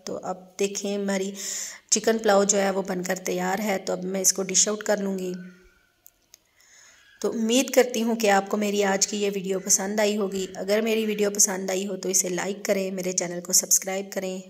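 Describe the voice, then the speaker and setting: A woman's voice: medium pitch, moderate pace. A woman with a Pakistani Urdu accent, narrating a recipe step by step over her home cooking video as the channel's host. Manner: steady step-by-step explaining with frequent fillers.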